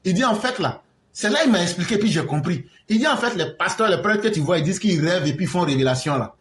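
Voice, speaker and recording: High-voiced Ivorian man telling a story. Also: animated, fast talker, reverberant. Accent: Ivorian French. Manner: retells dialogues, mixes in street slang. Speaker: political commentator. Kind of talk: animated storytelling commentary.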